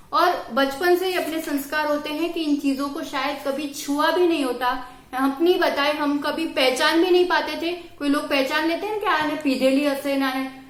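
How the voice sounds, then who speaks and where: A woman's voice: sits high, echoey room. A woman religious teacher giving an earnest, firm moral lecture to young people, slipping English phrases into her talk. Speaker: religious teacher at a study camp.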